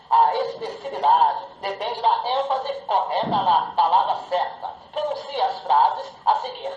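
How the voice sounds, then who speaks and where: A man's voice: high-pitched, roomy sound, dull audio. A man comically reading out a diction lesson, exaggerating each exercise with theatrical, swooping delivery. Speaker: comedian.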